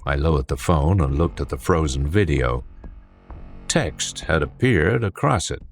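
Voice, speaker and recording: Deep voiced guy reading a scary story slow and tense, soft music under. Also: expressive, gravelly. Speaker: narrator. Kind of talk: scripted horror narration. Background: faint music.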